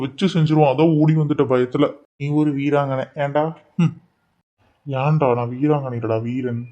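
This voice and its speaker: A quarrelsome cartoon boy, voiced by an actor with a mid-range voice. He blusters, accuses and scolds in rapid back-and-forth. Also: mid-range voice, warm tone, highs cut off, lightly acted. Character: scrappy boy named Ragu, blustering and quarrelsome. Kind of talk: cartoon voice acting.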